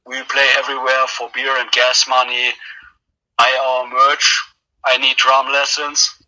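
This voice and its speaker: A man's voice: medium pitch, monotone, measured pace, bright, forceful tone, low-quality recording. A man who drums in a metal band, giving a casual interview while drunk, rambling with lots of hesitations and jokes. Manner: rambling, hesitant, tipsy and joking.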